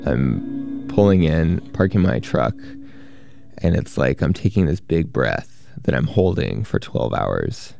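Low, gravelly man telling his story. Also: very animated, slow pace, music in the background. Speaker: journalist who worked as a prison guard. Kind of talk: first-person documentary storytelling.

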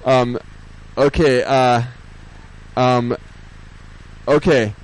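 A man hosting a radio show as DJ, chatting casually off the cuff in a halting, rambling way, thinking aloud. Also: medium pitch, fairly even intonation, poor audio. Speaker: radio host and DJ.

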